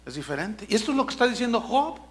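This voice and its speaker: A male pastor preaching a sermon with emphatic delivery, slowing down to stress key words. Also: extremely high pitch, sing-song, long reverb tail.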